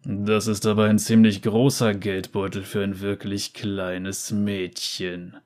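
A man voicing a big, gruff bounty hunter in a slow, low growl. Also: little pitch movement, a little mellow.

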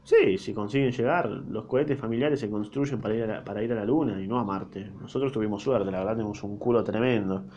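A man with a Rioplatense accent reading aloud and voicing a calm, tender father with slangy turns of phrase, in a slightly dull lo-fi recording. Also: on the low side, a little fast, few pauses, close to an everyday voice. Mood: calm fatherly. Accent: Rioplatense Spanish. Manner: slangy, casual asides.

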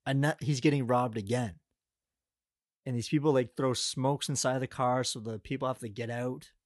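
A man's voice: medium pitch, fairly even intonation, normal speed, no room sound. Rambling young man, dry close sound. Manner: rambling, exasperated, heavy filler words. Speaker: commentator. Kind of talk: casual spoken review.

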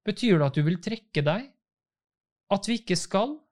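A man's voice: sits high, animated, a little mellow, voice pushed up. A man reading the part of an anxious, loving young bride in an audiobook.

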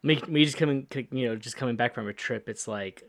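A man hosting a podcast in a casual chat, with informal, halting phrasing. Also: medium pitch, creaky. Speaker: podcast host.

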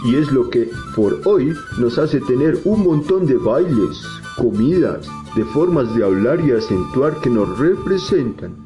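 A man's voice: mid-range voice, expressive, measured pace, hardly any pauses, over music, lightly acted. A man playing a kindly, wise talking tree who teaches children in a folksy, jolly Colombian storytelling style. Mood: warm teaching.

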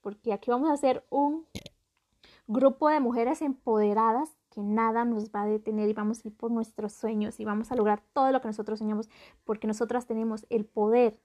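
A woman's voice: a little high, fairly even intonation, fairly quick, a little mellow. A woman hosting a motivational podcast, talking straight to the listener as a friend and repeating phrases for emphasis. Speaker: podcast host.

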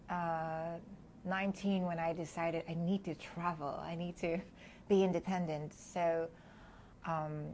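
An interview guest from Hong Kong, a woman in her thirties, speaks candidly and reflectively, often laughing softly between thoughts. Her voice is low, with slight background noise in the recording.

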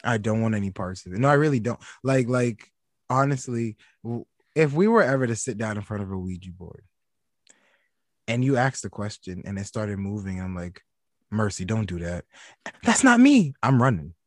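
A man's voice: on the low side, moderate pace, dry recording, clean studio sound. A man co-hosting a podcast, chatting casually and joking as he tells stories. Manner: joking, animated storytelling. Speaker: podcast co-host. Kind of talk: casual chat.

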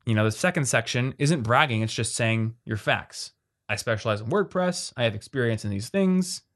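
Male podcast co-host, mid-pitched, quick conversational delivery, reads listener questions aloud. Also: animated, a bit bright. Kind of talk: casual podcast chat.

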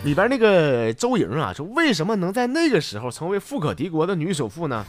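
This is a man with a Northeastern Mandarin accent, hosting a comedy show and reading listener jokes. His voice sits a little high and leaps around with animated intonation, and faint music plays beneath his talk. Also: a little fast. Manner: chatty, folksy, playful. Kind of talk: comic storytelling on radio.

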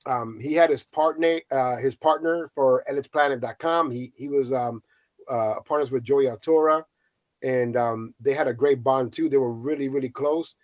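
A middle-aged man from the United States, a podcast host telling a story casually on a panel and acting out the quoted voices with lively swings. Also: normal speed, no room sound. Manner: animated storyteller, acts out quotes with high excited voices.

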